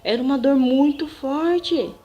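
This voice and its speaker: A woman's voice: high voice, unhurried, dull audio. Chatty Brazilian woman retelling a story. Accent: Brazilian Portuguese. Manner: animated, emotional retelling with laughs and dramatic quotes. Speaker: vlogger. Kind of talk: casual storytelling to camera.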